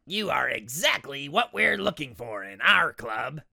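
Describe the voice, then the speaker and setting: Picture a cheerful duck with a low, gravelly croak that bounces up and down with hope, as a woman puts him on. He talks slowly and carefully, and the sound is close and dry. It comes from a children's storybook reading. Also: very animated, bright, forceful tone, no echo, full character voice. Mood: eager. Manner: cheerful, hopeful. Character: eager friendly male duck. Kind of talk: storybook character voice.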